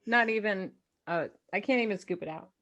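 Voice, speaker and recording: A woman's voice: medium pitch, a little fast, highs cut off. Chatty woman hosting a casual podcast. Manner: chatty, animated, laughs easily. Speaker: podcast host. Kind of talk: casual chat.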